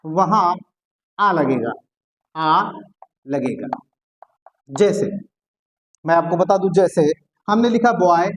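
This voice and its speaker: A man teaching a casual grammar lesson, who repeats words and drawn-out vowel sounds to show them, often checks whether listeners follow, and drops blunt, joking asides. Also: sits high, low-quality recording. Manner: chatty asides with blunt colloquial humor.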